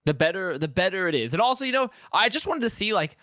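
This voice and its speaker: Man, fairly high voice, fast, dry close sound, teasing banter, esports co-host. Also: no room sound. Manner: quick, animated questioning and teasing. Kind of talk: casual chat and teasing banter.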